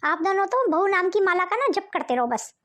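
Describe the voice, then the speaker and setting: Cartoon: woman playing a jealous scheming daughter, very high and bitter. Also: sing-song, brisk, a bit bright, exaggerated voice. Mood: resentful.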